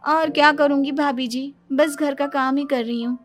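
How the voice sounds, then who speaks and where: A woman's voice: sits high, steady tone, moderate pace, faint music behind, natural voice. A woman voicing a self-pitying young wife in a cartoon story, complaining in a whiny, dramatic way.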